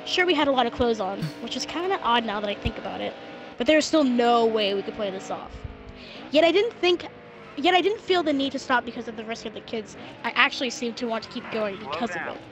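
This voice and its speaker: A young woman streaming from home on a gaming headset, chatting crudely and giggling, then reading fan fiction aloud in a flat monotone. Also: on the high side, fast talker, music in the background. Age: young adult.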